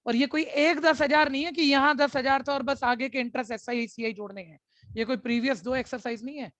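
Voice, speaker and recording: A man's voice: very high voice, fairly even intonation, a little fast, a bit bright, dry recording. A man teaching a commerce class in a chatty lecture style, repeating key phrases and calling his students brother.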